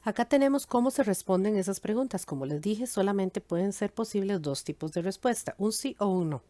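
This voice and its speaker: A woman English teacher explaining grammar patiently, step by step, saying her English examples slowly and clearly. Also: mid-range voice, expressive, mellow, no echo. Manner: switches between Spanish and English, speaking English slowly. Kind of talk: recorded grammar lesson.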